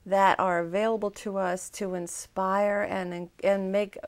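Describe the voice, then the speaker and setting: A woman's voice: medium pitch, flat delivery. Chatty woman hosting a local interview. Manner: chatty and enthusiastic, quick asides. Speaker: talk show host.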